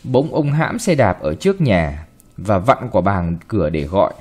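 A man reading a short story aloud with expressive, varied delivery. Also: fairly low pitch, a little slow, breathy edge. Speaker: narrator.

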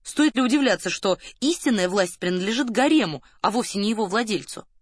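Brief: woman narrator, mid pitch, very dry close studio sound, steady audiobook reading. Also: a little fast, dry recording. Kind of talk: scripted narration.

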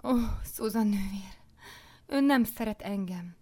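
A woman reading an audiobook, voicing a passionate convent abbess in a soft, breathless, pleading tone. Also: mid-range voice, natural voice.

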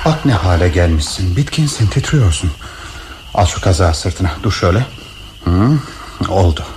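An actor playing a widowed man in a broadcast radio drama, speaking slowly and tenderly as he confesses a long-held love. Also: low-pitched, animated, noisy background. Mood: caring.

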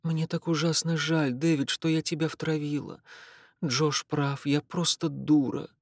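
A man reading aloud and voicing a distressed young woman who pleads and apologizes in a raised, softer voice. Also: a little high, flat delivery, unhurried, dry recording, clean studio sound, pitched above the performer's own voice. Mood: pleading. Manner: pleading, apologetic, softly insistent.

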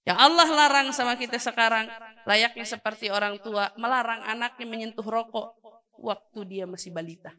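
A woman preacher giving a lively sermon to a women's gathering in a casual manner, acting out quoted voices. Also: on the high side, normal speed. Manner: lively, acts out quoted voices, laughs often.

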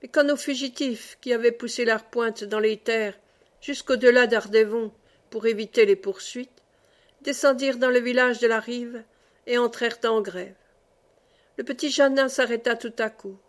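A woman reads a classic novel aloud in measured storytelling. Her voice sits fairly high. The reading is steady and literary. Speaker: audiobook reader. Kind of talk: literary audiobook narration.

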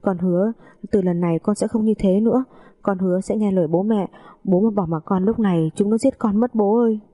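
A woman's voice: mid-range voice, fairly even intonation, normal speed, dark tone, muffled recording, close to an everyday voice. A woman doing a stammering, begging young man. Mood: pleading. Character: wayward young man pleading with father.

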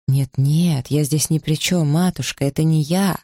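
A man voicing a frightened, timid young man who speaks haltingly and pleads, in an audiobook. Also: fairly high pitch, fairly even intonation, warm tone, no room sound, clean studio sound. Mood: pleading.

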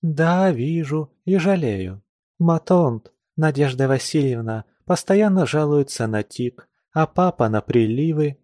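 A man reading a classic novel aloud, voicing a calm, composed young noblewoman with mild, lightly ironic speech. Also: on the high side, unhurried, dry recording, clean studio sound, pitched above the performer's own voice.

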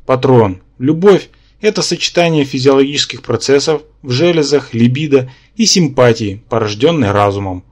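A man's voice: medium pitch, normal speed, natural voice. A man voicing a pedantic, lecturing male spirit symbiont who lives in the hero's head. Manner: lecturing, matter-of-fact.

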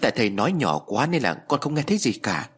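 A man's voice: medium pitch, very animated, fast, husky. A man voicing an anxious young woman who stammers and pleads.

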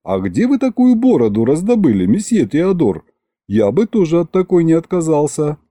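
A man's voice: a little high, big pitch swings, normal speed, dark tone, dry recording, voice pushed up. A man doing a suave French ambassador. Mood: musing. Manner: smooth, courteous, musing. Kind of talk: audiobook character voice.

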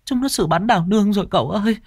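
A man voicing a scheming young servant woman who wails and whimpers in a high, put-on voice. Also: animated, racing, husky, dry recording, clean studio sound. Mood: fake sobbing. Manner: wailing, whimpering, high-pitched.

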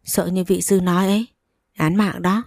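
A scheming elder daughter-in-law frets and wheedles, as a woman reads her lines. Her voice sits low and mellow. The reading is dry and close-miked. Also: fairly even intonation, normal speed, no echo. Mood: fretful.

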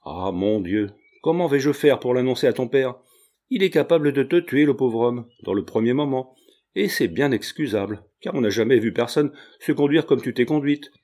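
A man's voice: mid-range voice, lively intonation, normal speed, a little mellow, lightly acted. Guy reading a worried old country mom, lots of sighing oh-my-gods, medium voice. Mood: dismayed. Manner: lamenting, exclamatory. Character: old peasant mother, fretful and talkative. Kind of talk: audiobook reading.

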